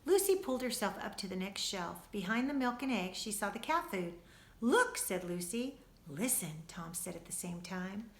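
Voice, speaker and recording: A woman teacher reading a storybook aloud to children, expressive and speaking to them directly. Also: medium pitch, normal speed, hardly any pauses, echoey room, slight background noise.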